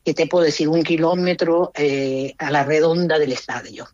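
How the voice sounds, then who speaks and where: A woman's voice: low-pitched, steady tone, darkish tone, no echo, lo-fi sound. A middle-aged Argentine woman with an Argentine Spanish accent, talking as an interview guest from abroad, hesitant and full of restarts. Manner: hesitant, halting, many restarts.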